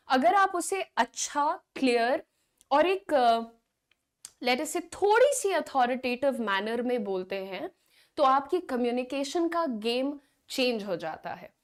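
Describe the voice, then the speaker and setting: A young Indian woman teaching spoken English in a chatty, teasing way, drawing out words slowly to drill their pronunciation. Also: sits high. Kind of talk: live online class, Hindi mixed with English.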